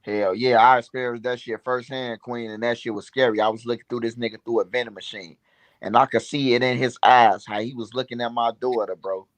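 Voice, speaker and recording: A male livestream host chats and tells stories casually in slangy street talk laced with profanity. His voice is medium-pitched and fairly quick, with fairly even intonation and no echo.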